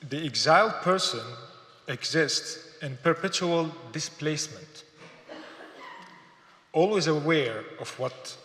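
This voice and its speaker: A man from Syria giving a thoughtful, halting lecture as an artist, with fillers and repeated words. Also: on the high side, fairly bright tone. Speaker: artist giving a symposium talk. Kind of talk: public lecture. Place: gallery lecture hall. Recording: echoey hall, long reverb.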